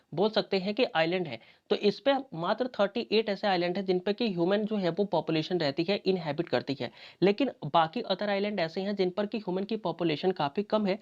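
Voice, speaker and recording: A woman's voice: mid-range voice, darkish tone. A woman teaching an exam-prep lecture, talking conversationally and asking and answering her own questions. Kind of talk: explanatory lecture. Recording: dull lo-fi audio.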